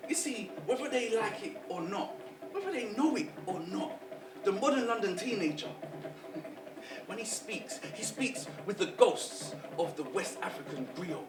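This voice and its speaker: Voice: mid-range voice, expressive, measured pace, lightly acted. A performer doing a sly Jamaican trickster spider spirit. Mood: sly boastful. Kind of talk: spoken-word performance. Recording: roomy distant voice over music.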